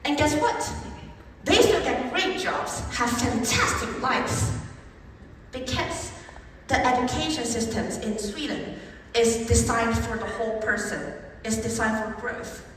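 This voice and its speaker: A young woman from Taiwan with a Taiwanese accent, giving an animated competition speech in English with emphatic rhetorical rises. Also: fairly high pitch, measured pace, a little hiss or hum. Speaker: speech contestant. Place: large conference hall. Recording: echoey hall from far off, faint ambience.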